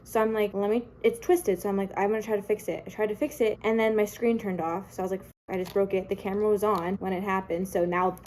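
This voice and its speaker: A woman's voice: mid-range voice, flat delivery, fast talker, few pauses, darkish tone, slight background noise. A young woman vlogging, filming herself on her phone as a phone video, rambling and venting that she is upset. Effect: recorded as a phone video. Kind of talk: casual vlog talk to camera. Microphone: phone camera.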